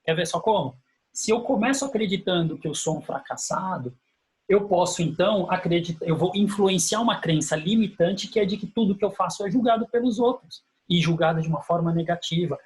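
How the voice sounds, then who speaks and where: Man, instructor explaining slides, slightly higher voice, repeats key words, lecture video. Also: a little mellow. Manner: acts out parents' phrases slowly.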